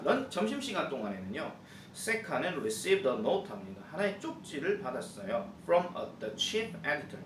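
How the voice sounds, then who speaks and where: Male cram-school English teacher, lively with a fairly high voice, acts out dialogue lines, echoey room with a distant mic. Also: a little hiss or hum. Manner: animated, acting out dialogue lines in exaggerated voices; checks in with listeners. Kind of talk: exam-prep lecture explaining a textbook passage.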